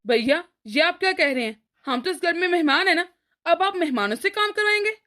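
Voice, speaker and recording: A woman voicing a defensive younger brother in an animated cartoon, speaking with indignant outrage. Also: very high voice, a little fast, heavily acted.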